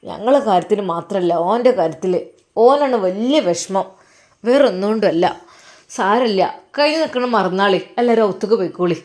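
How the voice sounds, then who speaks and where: A woman voicing a gentle elderly father, talking in a calm, reassuring way. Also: medium pitch, moderate pace, close to an everyday voice. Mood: soothing.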